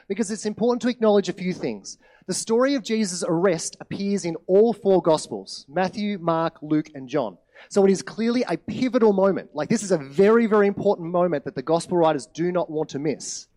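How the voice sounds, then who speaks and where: A man's voice: high voice, darkish tone. A man giving a sermon in a chatty storytelling way, with many fillers. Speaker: preacher.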